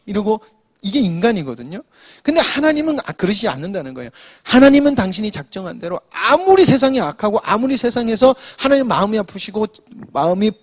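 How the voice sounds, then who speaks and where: A man with a high, slightly rough voice gives an afternoon sermon, explaining scripture for the congregation. He addresses them with a frequent "자" and often begins again with "so" when moving to the next point.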